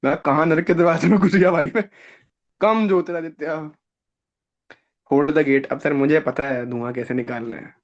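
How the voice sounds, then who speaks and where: A young man, a guest on an interview show, telling animated stories and acting out other people's lines. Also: on the high side, normal speed. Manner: lively, acts out other people's lines, laughs often. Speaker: guest, defence-services aspirant. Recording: slightly dull, lo-fi audio.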